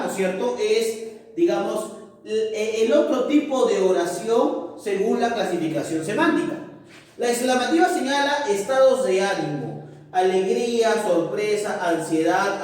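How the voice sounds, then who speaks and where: A man with a high voice teaches a lesson, explaining patiently and checking in with his listeners as he goes. He sits well back from the microphone, and a strong echo from the room hangs on every word. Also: darkish tone. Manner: explanatory, repeats "¿no es cierto?" and "ahí está". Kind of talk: recorded class lesson. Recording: very echoey room, far from mic.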